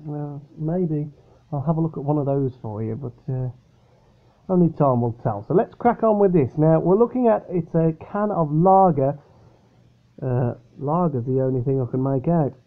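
A man chats his way through a drink review in a rambling, hesitant manner. His voice sits fairly high. The sound is thin and boxy, like a phone line. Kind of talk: casual product review. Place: upstairs bedroom at home.

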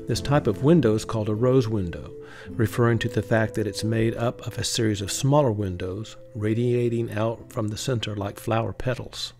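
An older man hosting a woodworking channel, explaining history and then demonstrating at his workshop bench in a calm, unhurried way. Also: fairly low pitch.

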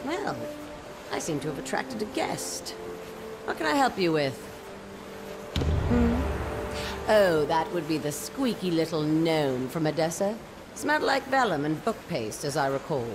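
An actress playing a sly, mercenary female elf traveller in a video game, with a casual, wry, self-assured manner. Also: deep voice. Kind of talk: video game character dialogue.

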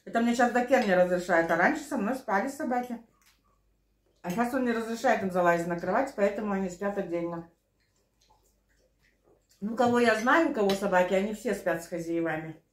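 A woman's voice: medium pitch, brisk, long pauses. Middle-aged woman in casual echoey table talk. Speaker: mukbang vlogger. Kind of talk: casual chat over a meal. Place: small living room at home, indoors. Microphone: camera across the table. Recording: roomy home room, clinking cutlery and dishes. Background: cutlery and dishes.

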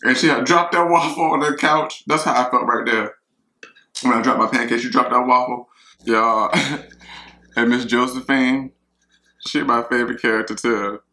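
A man chats on camera between bites, rambling and talking straight to his viewers. His voice is bright and forceful, and it rings through an echoey home kitchen. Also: medium pitch, fairly even intonation, moderate pace, long pauses. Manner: chatty, rambling, talks to viewers as y'all. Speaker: mukbang vlogger. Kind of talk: casual chat while eating.

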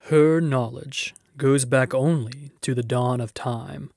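A man acts out a mighty storybook lion. He is majestic and joyful, and his delivery is grand, emphatic and unhurried. The sound is close and dry. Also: mid-range voice, steady tone, vocal fry, a little mellow, no room sound. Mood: solemn, grand. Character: great noble male lion, majestic and joyful. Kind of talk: storybook character voice.

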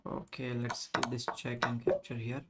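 A man in his thirties with an Indian accent, chatting casually as a chess instructor on a live stream, halting and repeating his phrases. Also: medium pitch, completely flat delivery, very noisy.

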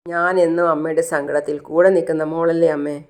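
A narrator voicing a caring young married daughter who talks earnestly and keeps asking questions. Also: female voice, low voice, flat delivery, quick pace, a little mellow, close to an everyday voice.

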